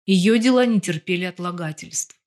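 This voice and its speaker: A woman's voice: fairly low pitch, moderate pace, darkish tone. Woman narrating an audiobook. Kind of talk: scripted narration.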